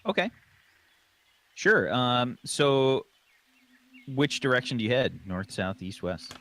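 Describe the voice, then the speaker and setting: A man's voice: mid-range voice, big pitch swings, slow, a bit bright. A man narrating as game master of a tabletop game, loose and rambling with lots of fillers.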